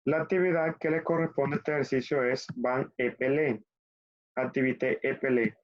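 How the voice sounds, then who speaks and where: A man gives an online language class, explaining each point patiently and step by step. His voice sits at an everyday middle pitch. The audio is a little dull and lo-fi, like a basic computer mic. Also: steady tone. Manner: patient, explains step by step, spells letters out slowly. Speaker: French teacher.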